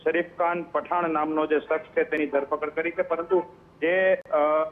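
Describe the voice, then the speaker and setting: A man's voice: a little high, level tone, moderate pace. A male field reporter giving a live, unscripted news report, with fillers and restarts. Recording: tinny phone line.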